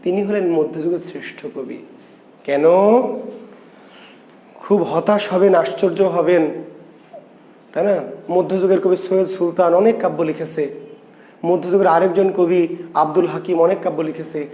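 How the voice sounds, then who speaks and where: A man's voice: high voice, steady tone, moderate pace, long pauses, dark tone, roomy sound. A man teaching a literature class, asking questions and answering them himself, repeating key terms. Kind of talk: classroom lecture.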